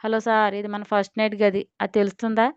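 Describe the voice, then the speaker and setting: Feisty sharp-tongued young bride, as a woman reads her. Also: medium pitch, monotone, fast, smooth, dry recording, muffled recording, lightly acted. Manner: sharp, cheeky, sulky.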